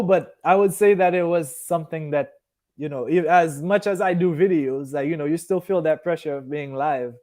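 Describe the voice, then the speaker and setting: This fairly high, slightly mellow male voice belongs to a Haitian man in his early thirties who moved to Miami at age fourteen. Hosting a laid-back live stream, he responds to viewers in a wandering, chatty way, drifting off topic and coming back.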